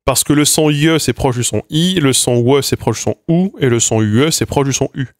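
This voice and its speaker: A man's voice: mid-range voice, moderate pace, no echo, clean studio sound. A man giving a casual phonetics lesson on stream, hesitant with many fillers and restarts, sounding out consonants as he explains them. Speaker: linguistics streamer.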